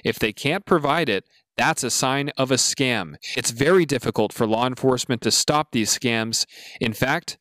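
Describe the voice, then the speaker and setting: A male news reporter narrating a scripted report in a steady, even delivery. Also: medium pitch, moderate pace, no room sound.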